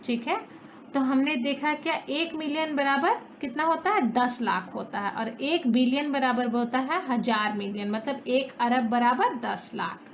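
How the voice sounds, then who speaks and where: A woman's voice: high-pitched, measured pace. A young woman from India teaching a math lesson, patiently counting through place values and answering her own questions. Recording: faint background noise.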